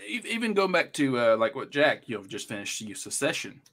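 A man co-hosting a podcast in casual chat, telling animated stories and laughing as he goes. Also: medium pitch, fairly quick. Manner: animated storyteller, laughs mid-sentence. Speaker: podcast co-host.

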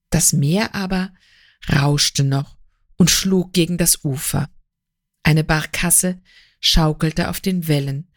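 Slow, calm woman reading a story. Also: lowish voice, no room sound, studio quality. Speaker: narrator. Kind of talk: literary audiobook narration.

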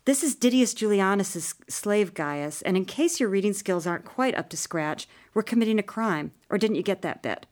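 A woman reading an audiobook, voicing a sharp-tongued, bossy young sister with a cross, sarcastic manner. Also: medium pitch, lively intonation, moderate pace, hardly any pauses, close to an everyday voice.

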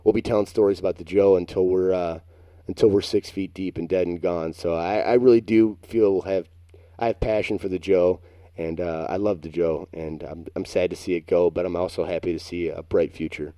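A man's voice: low voice, steady tone, a little fast, dark tone, no room sound, clean studio sound. A young man co-hosting a casual chat, telling a long, rambling, self-mocking story. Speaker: podcast co-host.

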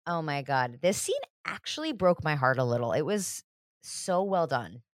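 A woman's voice: deep voice, sing-song, normal speed, no echo, clean studio sound. A young woman co-hosting a casual chat, gushing and self-mocking about a TV scene. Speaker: podcast co-host. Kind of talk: casual chat recapping a TV show.

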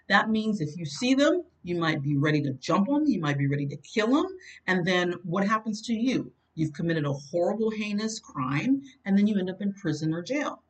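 A woman's voice: medium pitch, distant mic, rough recording. A woman giving a motivational self-help talk in an emphatic, preachy way, laughing often.

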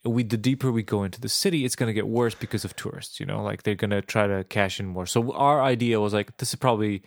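A young man chatting casually, animated and laughing as he tells a story with friends. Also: lowish voice, fast, vocal fry, no room sound. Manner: animated, laughing, jumps in with asides. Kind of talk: casual chat.

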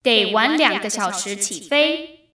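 A woman teacher reading flight notices as a female airport announcer, in a formal, measured way, as if over an airport intercom. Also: mid-range voice, animated, pushed and bright. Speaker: Chinese teacher. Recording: roomy, distant-miked echo.

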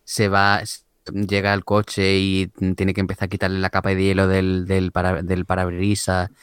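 A man with a Spain Spanish accent, casually discussing films and pausing to restart phrases as he searches for words. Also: sits low, monotone, fairly bright tone, clear, resonant tone, dry recording, clean studio sound.

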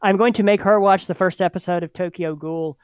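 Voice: medium pitch, fairly even intonation, a little fast, clear, resonant tone, no echo, highs cut off. An easygoing podcast co-host chatting casually, agreeing often and laughing easily. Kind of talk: casual chat.

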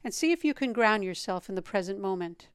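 A woman leading a guided meditation as a teacher, speaking in a calm, meditative tone with a smooth, clear voice. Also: mid-range voice, fairly quick, no echo, clean studio sound.

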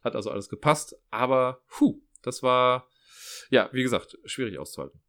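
A man's voice: medium pitch, moderate pace, sharp tone, smooth. A man telling a casual vlog story, chatty, acting out dialogue and tagging lines with "ne?". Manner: chatty storyteller, acts out dialogue, frequent "ne?" tags. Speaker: after-school care worker. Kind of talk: casual personal vlog monologue.

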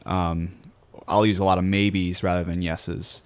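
A man's voice: sits low, level tone, measured pace. A man talking through his thoughts in a casual chat, with many fillers and repeated words.

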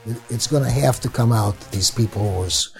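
A man's voice: mid-range voice, fairly quick, vocal fry, a little mellow, faint music behind. A man working as a cold case investigator, speaking bluntly in an interview and often repeating himself as he restarts his sentences. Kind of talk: candid interview.

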